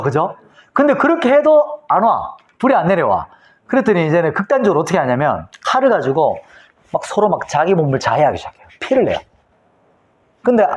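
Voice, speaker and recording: Animated Korean male pastor lecturing. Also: on the high side. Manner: animated storytelling, acting out scenes. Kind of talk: Bible lecture.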